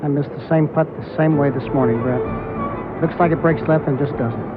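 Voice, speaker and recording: A man's voice: a little high, moderate pace, loud music behind the voice. A man giving conversational golf commentary as an analyst on live coverage. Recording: tinny, noisy outdoor TV broadcast.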